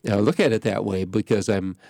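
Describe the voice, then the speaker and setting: A pastor hosts a radio chat, his nose congested and his low voice gravelly. He rambles, keeps cutting himself off and starting again, and the studio sound is dry and close. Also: steady tone, fairly quick, mellow, no room sound. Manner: rambling, self-interrupting.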